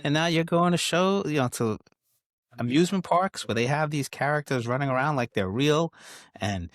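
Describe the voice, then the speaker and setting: A man's voice: on the high side, expressive, moderate pace, no room sound, clean studio sound. A middle-aged man with a Bronx accent hosts a casual interview, prompting with easygoing questions and short replies. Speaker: host interviewing his son.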